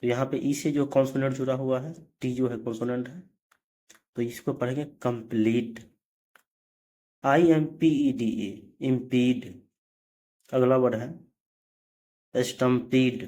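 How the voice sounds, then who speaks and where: A man's voice: medium pitch, steady tone, unhurried, long pauses, mellow. A man teaching English pronunciation, spelling words out letter by letter and then saying them, correcting himself now and then. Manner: corrects himself mid-lesson. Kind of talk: slow explanatory lesson.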